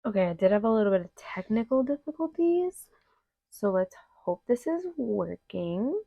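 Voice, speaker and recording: Sounding slightly nasal because of allergies, a young woman chats her way through a makeup tutorial, leaning heavily on filler words. She is a beauty vlogger with a gravelly, mid-range voice, very animated at a normal speed, captured in a slightly muffled, dry home recording.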